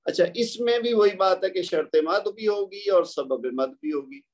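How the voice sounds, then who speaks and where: A man's voice: high voice, animated, moderate pace. A man teaching a lesson on recitation rules, explaining step by step and answering his own questions in a patient manner. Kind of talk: tajweed lesson.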